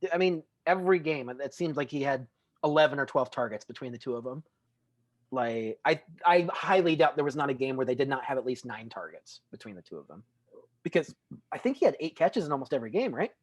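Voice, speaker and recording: A man's voice: medium pitch, lively intonation, brisk, no echo. A man co-hosting a casual college football podcast, rambling and stumbling over words with a dry sense of humor. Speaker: co-host. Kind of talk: casual sports podcast chat.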